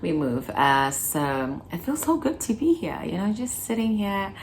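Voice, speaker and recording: In an unhurried, creaky, medium-pitched voice, a twenty-something vlogger talks to her viewers in a very animated, playful way. She breaks into small laughs and snatches of song, and there's slight noise behind her.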